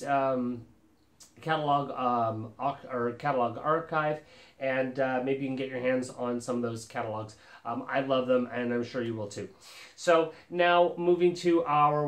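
A man's voice: medium pitch, reverberant. A man in his forties hosting a casual collector vlog at home, enthusiastic and rambling with plenty of fillers. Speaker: collector channel host. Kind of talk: casual show-and-tell vlog. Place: living room with a lit holiday tree, indoors.

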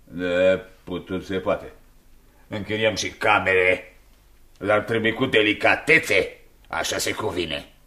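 An actor playing a gruff, prim older innkeeper in a radio drama, speaking slowly and stiffly. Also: male voice, sits low, bright, forceful tone.

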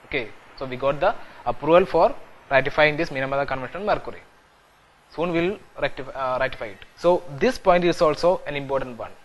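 Fast and animated, a young Indian teacher with a somewhat high voice delivers a civil services exam-prep lecture on video, though the recording sounds muffled. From his indoor classroom studio with a whiteboard screen, he drives key points home repeatedly, peppering his speech with "okay" and "so."

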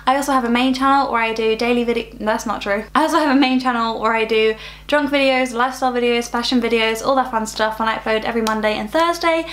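A woman in her twenties runs a reaction channel, chatting about music in a casual, upbeat way even though she's sick and a little nasal. Her voice sits on the high side with a fairly bright tone, and she talks fast. She's in a small, bright room with plants, and there's slight background noise.

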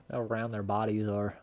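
A man co-hosting a let's play, excitably directing his friend's gameplay and laughing often. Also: lowish voice. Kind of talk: casual gaming commentary.

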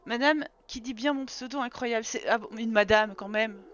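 A woman's voice: fairly high pitch, moderate pace, fairly bright tone. A woman streamer giving casual live commentary on a life-simulation game, chatting to her characters and her viewers and getting exasperated with them. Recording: slightly dull stream audio with game music.

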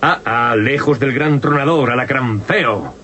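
A man's voice: medium pitch, a little slow, noisy background, close to an everyday voice. A man voicing a cocky young robot cheetah hero, brash and wisecracking, with a Castilian Spanish accent in a cartoon dub. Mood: cocky, taunting. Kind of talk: cartoon dubbing.

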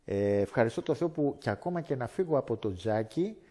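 Animated man giving a faith testimony. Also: medium pitch. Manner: animated, acts out dialogue in voices. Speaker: guest speaker giving testimony.

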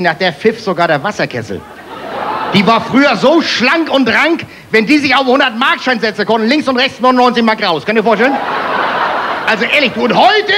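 High-voiced man firing off stage jokes. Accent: Hamburg. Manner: punchy one-liners, keeps calling the crowd "Freunde" and "du". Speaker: stand-up comedian. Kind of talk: rapid-fire joke stand-up. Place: live stage before a laughing audience. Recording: TV show stage recording with crowd noise.

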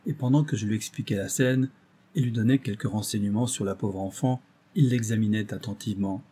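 A man reading a literary audiobook in a measured, expressive narration. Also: on the low side, breathy edge. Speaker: audiobook reader.

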